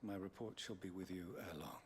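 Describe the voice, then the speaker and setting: A man playing a calm, creepy, solemnly devoted cultist knight in a video game, speaking formally with hushed phrase endings. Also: low voice, a little fast, natural voice. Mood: solemn, reverent.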